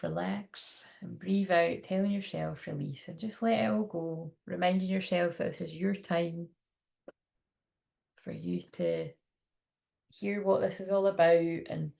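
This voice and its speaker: A woman guides a meditation in a soft, soothing manner. Her voice sits fairly low with a lot of creak, and she gives each instruction slowly and gently. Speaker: spiritual teacher leading guided energy clearing.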